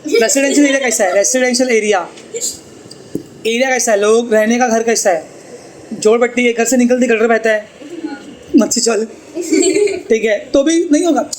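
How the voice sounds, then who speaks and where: A man's voice: very high-pitched, normal speed, long pauses, slight background noise, poor audio. A man teaching a tuition class, chatty and teasing as he explains. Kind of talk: classroom lecture.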